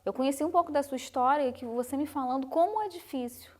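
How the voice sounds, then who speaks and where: Woman, from Brazil, interview guest, earnest and reflective, fairly high pitch. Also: quick pace. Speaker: guest, carnival designer. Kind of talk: interview conversation.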